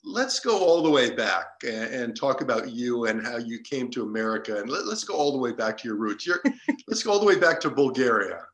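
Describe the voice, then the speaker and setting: A man hosting an interview podcast, friendly and conversational. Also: fairly quick. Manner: friendly, conversational, lively pitch. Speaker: podcast host.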